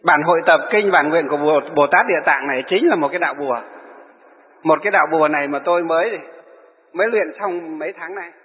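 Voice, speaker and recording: A man's voice: fairly high pitch, fast. A middle-aged man, a Buddhist monk, giving a wry, chatty storytelling talk and laughing at his own anecdotes. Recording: tinny, lo-fi, long hall reverb.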